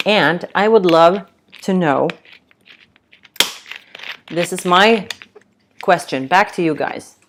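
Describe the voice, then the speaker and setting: A woman's voice: lowish voice, slow, long pauses, background noise. A young woman hosting a casual livestream chat, reading out comments and rambling with many fillers and restarts. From Sweden. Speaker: tattoo livestream host.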